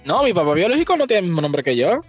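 A man's voice: high voice, sing-song, fast talker, highs cut off, over loud music. A young man from Puerto Rico with a Puerto Rican Spanish accent, chatting casually on a podcast and switching freely between Spanish and English. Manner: switches between Spanish and English mid-sentence, laughs often. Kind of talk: casual chat.

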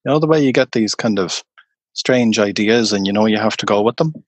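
A man, a tour guide, telling stories slowly and unhurriedly in an interview. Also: on the low side, breathy edge, no room sound. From Ireland. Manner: slow, unhurried anecdotal telling. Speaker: tour guide and storyteller guest. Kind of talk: conversational storytelling interview.

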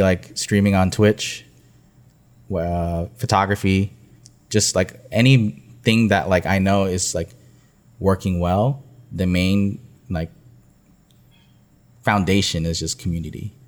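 A man's voice: low-pitched, steady tone, a little slow, pauses often. A young man co-hosting a podcast, chatting casually and rambling with lots of "like" fillers. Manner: rambling, heavy use of "like" as filler. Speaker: podcast co-host.

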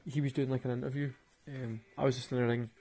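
A man from Glasgow, Scotland tells loose, rambling stories at a quick pace, his medium-pitched voice mellow and husky but flat in delivery. He swears through them and laughs at his own humour in a Glaswegian accent, as a casual monologue.

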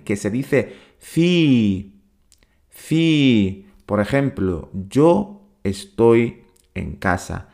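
Slow, patient man teaching a lesson. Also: mid-range voice, a bit bright. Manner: slow, patient, repeats each sound. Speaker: Arabic teacher. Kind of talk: podcast lesson.

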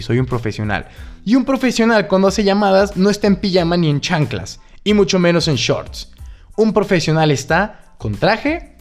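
A man with a Mexican Spanish accent hosting a podcast, coaching on sales in a casual, joking, chummy monologue. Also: a little high.

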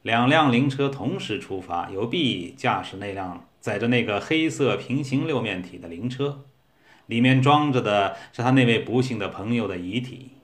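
A man reads a short story aloud in an even, measured way. His voice sits at a middling pitch, neither high nor low. He tells it steadily from start to end. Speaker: narrator. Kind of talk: storybook reading.

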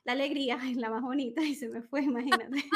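A woman's voice: sits high, breathy edge. A woman coach talking in an interview, explaining ideas patiently and acting out little examples of what a parent might say. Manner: warm, explanatory, acts out examples. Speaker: emotional wellness coach. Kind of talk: conversational interview.

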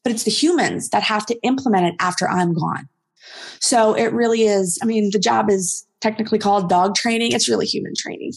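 A woman's voice: mid-range voice, brisk, vocal fry, slightly rough. A woman dog trainer chatting casually as an interview guest, rambling with lots of ums and restarts.

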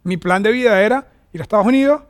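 A man's voice: high voice, fast. A man in his forties from Venezuela, a pastor preaching a sermon in a chatty, joking storytelling way.

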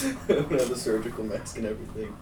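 An easygoing young man co-hosting a casual podcast who laughs often. His voice is mid-pitched. The room is echoey and he sits away from the mic. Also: sing-song, quick pace, a little mellow. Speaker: podcast co-host. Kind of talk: casual chat. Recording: roomy sound, mic at a distance.

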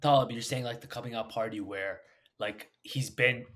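A man's voice: mid-range voice, normal speed, fairly bright tone. A young man co-hosting a casual sports podcast, rambling with many fillers and playful boasting. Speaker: podcast co-host.

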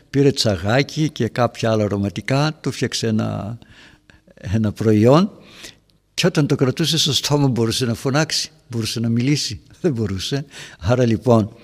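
A man, a priest, speaks to a gathering of parents with a gravelly, fry-edged voice. He tells anecdotes and addresses his listeners as his dear ones. The sound rings with the long reverb of a church hall. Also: medium pitch. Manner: storytelling, acting out dialogues in raised voices. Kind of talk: homily to a parents' group.

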